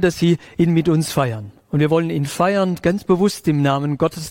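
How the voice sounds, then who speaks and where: Man, service host, warm formal welcome, slightly high, dry close sound. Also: dry recording. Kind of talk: liturgical welcome.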